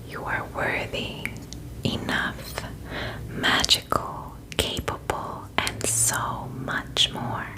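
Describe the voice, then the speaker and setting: A woman whispering a gentle, reassuring pep talk in a reflective ASMR style, her voice breathy and unvoiced. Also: rough recording. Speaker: ASMR host.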